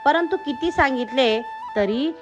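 A woman's voice: sits high, lively intonation, unhurried, over music. A woman voicing a stern but loving village mother who speaks firmly and scolds. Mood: complaining. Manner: firm, scolding.

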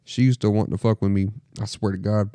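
A young man on a casual podcast throws in blunt, crude remarks, swearing often. His voice sits fairly low and has a dark, mellow tone. The recording is dry and close, with no room echo. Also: fairly even intonation, fairly quick, clean tone. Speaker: podcast co-host. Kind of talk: casual chat.

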